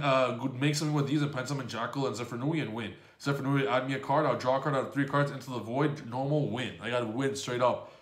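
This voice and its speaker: An excitable man talks through a card game match he just played, swearing freely and acting out his own reactions. His voice sits at an everyday pitch. The room around him rings with echo. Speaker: gaming channel host. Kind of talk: casual match commentary.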